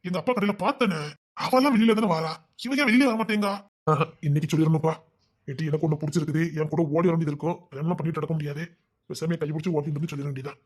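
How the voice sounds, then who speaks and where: Brief: a man as a lovesick youth with a lilt, high voice, rapid patter, fretful and pleading. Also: fairly even intonation, natural voice. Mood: worried scheming. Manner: fretful rambling inner monologue, then pleading. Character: lovesick young village man, restless, scheming to elope. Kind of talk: audio love-story drama.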